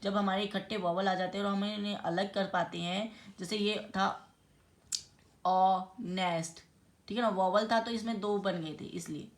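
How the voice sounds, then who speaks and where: A woman teaches a grammar lesson at a middle pitch. She explains patiently and spells words out letter by letter. She often stops to make sure her students have followed. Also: fairly even intonation, fairly quick, hardly any pauses. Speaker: English teacher.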